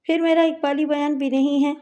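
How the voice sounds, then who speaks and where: A woman's voice: high-pitched, level tone, dark tone, natural voice. A woman reading the lines of a brash, shameless woman inmate who boasts and mocks. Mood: boastful. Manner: boastful, mocking.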